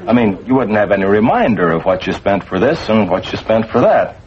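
A middle-aged man with an American accent playing a patient, gently wry suburban father in a 1950s family sitcom. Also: lowish voice, very animated, brisk. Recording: dull, noisy old TV soundtrack.

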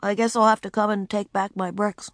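A woman reading aloud, voicing a calm, serious first-grade boy who speaks in a flat, matter-of-fact way. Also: medium pitch, a little fast, no room sound, studio quality, close to an everyday voice.

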